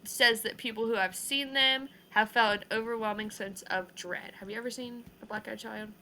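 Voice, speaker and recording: A young woman chats on a casual podcast with a bright, slightly high voice. She giggles easily and fills her talk with "like" and squeamish "ew"s. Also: steady tone, moderate pace, a little hiss or hum. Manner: giggly, says "like" and "ew" a lot. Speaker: podcast co-host. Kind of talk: casual chat.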